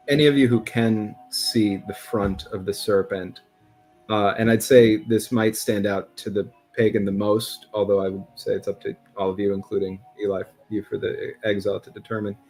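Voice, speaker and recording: A man's voice: fairly low pitch, steady tone, normal speed, darkish tone, faint music behind. A man playing a tabletop role-playing game, narrating his character's actions in a casual way.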